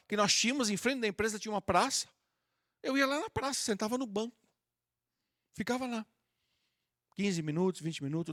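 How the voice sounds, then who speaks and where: A man's voice: high-pitched, dry recording, studio quality. A man preaching a sermon as pastor, speaking to the congregation in a familiar, conversational way and acting out sample prayers. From southern Brazil. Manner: conversational preaching that addresses listeners warmly and acts out sample prayers. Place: church auditorium.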